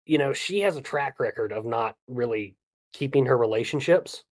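A man's voice: mid-range voice, animated, normal speed. A man co-hosting a podcast in casual banter, telling stories and ranting for laughs. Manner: ranting storyteller, jokey, laughs often. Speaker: podcast co-host.

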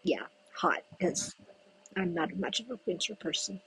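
Speaking with an animated, husky, mid-range voice of fairly bright tone, a podcast host raised in the United States drifts through a rambling solo talk outside in a breezy, busy spot. He muses aloud with pauses, and the recording quality is low.

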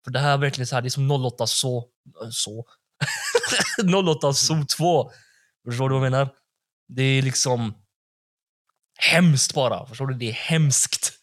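A man's voice: medium pitch, fairly bright tone. Slangy young man with a Gothenburg accent. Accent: Gothenburg Swedish. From Backa, Gothenburg, Sweden. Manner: slangy, swears freely, enthusiastic. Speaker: podcast co-host. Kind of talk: casual chat about hip hop.

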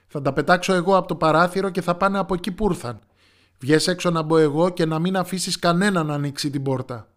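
A man's voice: on the high side, a bit bright, close to an everyday voice. A man voicing a brave, bossy young princess in rags from a fairy tale, speaking firmly. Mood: determined. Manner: firm, commanding speech.

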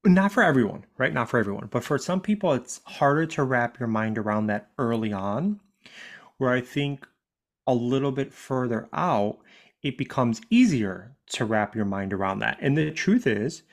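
Man, 30s, podcast co-host, candid, casual swearing, emphatic, mid pitch. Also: animated, normal speed. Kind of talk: casual grief podcast chat.

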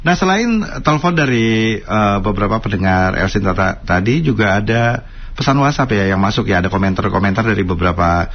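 A man's voice: lowish voice, a little fast, highs cut off. A male radio talk show host taking calls, easygoing, with fillers and hums.

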